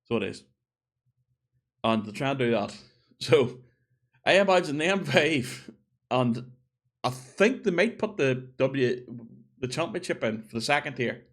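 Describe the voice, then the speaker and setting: A man giving a casual opinion monologue, chatty and thinking aloud as he corrects himself. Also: medium pitch. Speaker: gaming video creator.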